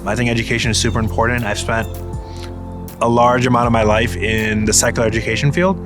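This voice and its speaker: A young man from Northern Virginia speaks casually and thoughtfully about his seminary studies. His voice sits at an ordinary middle pitch, with faint music behind him. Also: flat delivery, quick pace. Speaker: seminary student. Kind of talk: personal testimonial.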